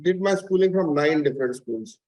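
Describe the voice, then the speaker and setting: A man's voice: fairly high pitch, animated, brisk, darkish tone, low-quality recording. A man from Delhi with an Indian English accent, a guest speaking modestly in a casual interview. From born in Delhi, raised all over India. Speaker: guest, community founder.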